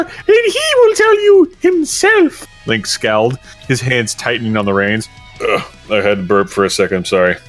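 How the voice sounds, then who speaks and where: A man reading fanfiction aloud on a comedy podcast, cursing and bantering between passages. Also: mid-range voice. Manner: cursing, laughing, animated. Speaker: podcast reader.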